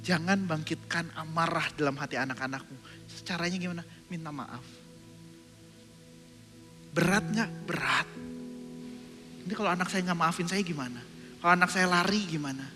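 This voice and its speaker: A man preaching a sermon as a pastor, asking the congregation questions and answering them himself, and acting out his own prayers in shifting voices. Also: high-pitched. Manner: acts out his own prayers and inner dialogue, switching voices. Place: church sanctuary. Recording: reverberant hall with faint music.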